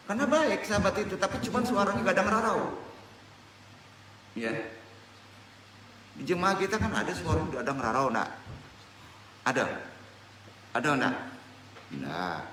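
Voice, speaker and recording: Animated older preacher, echoey hall. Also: male voice, high voice, moderate pace, long pauses, slight background noise. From West Sumatra, Indonesia. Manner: animated, joking, quizzes the audience. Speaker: religious teacher. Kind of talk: informal religious study lecture. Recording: echoey hall recorded from a distance.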